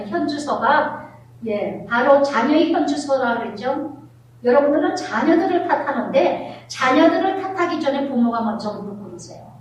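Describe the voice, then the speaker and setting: A middle-aged woman pastor preaching a sermon, telling family stories with animated, acted-out scenes. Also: sits high, slight background noise. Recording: very echoey hall, voice from far off.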